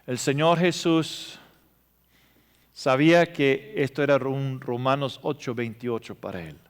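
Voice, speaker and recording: A man preaching a sermon, telling emotional stories and swinging between loud passages and hushed ones. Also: medium pitch, measured pace, clear, resonant tone. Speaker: pastor. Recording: reverberant hall.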